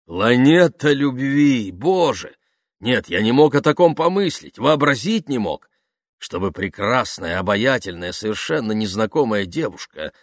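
A man playing a pompous crooning baritone actor. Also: animated, a little slow, no echo, studio quality. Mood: theatrical. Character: vain smooth middle-aged actor, theatrical baritone.

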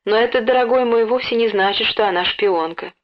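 A woman's voice: on the high side, brisk, natural voice. A woman voicing an emotional, genteel mother in a storybook, speaking in trembling exclamations. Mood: gently chiding. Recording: dull lo-fi recording.

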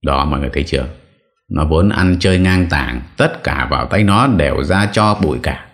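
A man with a very low voice voicing a stern elder brother who scolds his younger sibling in an audio story. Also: animated, fairly quick, a bit bright, full character voice. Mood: scornful. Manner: accusing.

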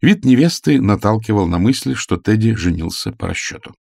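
A man narrating a humorous story as an audiobook, reading in an expressive literary manner. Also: lowish voice, moderate pace, vocal fry, no echo, studio quality.

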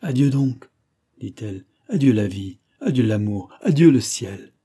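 A man's voice: mid-range voice, expressive, measured pace, warm tone, breathy edge. A man voicing a young noblewoman, passionate and pleading, in a read-aloud story. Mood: desperate. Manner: impassioned, pleading.

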